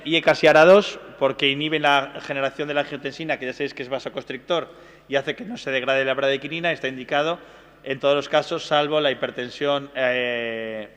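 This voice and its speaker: Guy lecturing on medicine, brisk, mid pitch, long hall echo. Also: fairly even intonation, a bit bright. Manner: brisk, checking in with listeners. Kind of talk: exam-prep medical lecture. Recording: hall reverb.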